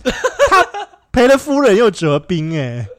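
A man's voice: extremely high pitch, wildly swooping pitch, slow, a bit bright. A man, co-hosting a podcast and reacting to a story with short quips in casual chat. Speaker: podcast co-host.

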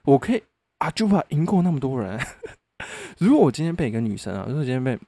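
A man's voice: on the high side, sing-song, fast, mellow, husky, dry recording. A young man with a Taiwanese Mandarin accent, telling casual stories on his podcast. He swears often and laughs in the middle of sentences. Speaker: podcast host. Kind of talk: casual solo storytelling.

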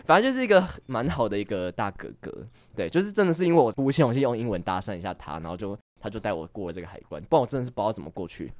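A man chatting on a podcast, telling a long personal anecdote at a quick clip with a lively, bouncing pitch. He rambles through fillers and restarts. The sound is close and dry. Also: no room sound. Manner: rambling, lots of fillers and self-laughs. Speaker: guest. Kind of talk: casual podcast chat, storytelling.

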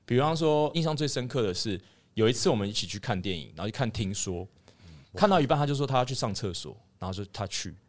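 A man's voice: medium pitch, expressive, fast. A young man with a Taiwanese Mandarin accent, a podcast co-host telling a long story in casual chat, rambling and sheepish, with many restarts.

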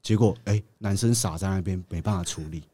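A man's voice: sits low, fairly quick. A man, a podcast guest telling a story in casual chat and acting out the quotes. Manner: animated storyteller, acts out quotes.

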